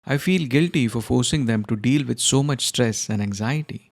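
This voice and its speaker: A man playing a despairing, guilt-ridden older scientist and grandfather in an animated short, earnest and emphatic. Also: medium pitch, normal speed, gravelly. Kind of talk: animated short film dialogue.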